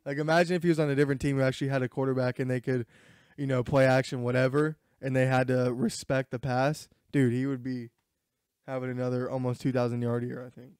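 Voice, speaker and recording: A man's voice: mid-range voice, level tone, quick pace, a little mellow, clear, resonant tone, no room sound, clean studio sound. A man co-hosting a podcast, talking sports in an emphatic, opinionated way, his voice cracking at times. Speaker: podcast co-host. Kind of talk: casual sports chat.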